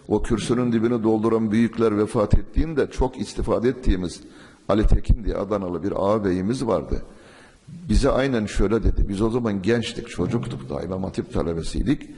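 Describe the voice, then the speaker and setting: A man preaching a sermon at a pulpit microphone, in a measured, emphatic way, now and then reciting verses in Arabic. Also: on the low side, mellow. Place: mosque pulpit. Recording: long hall reverb.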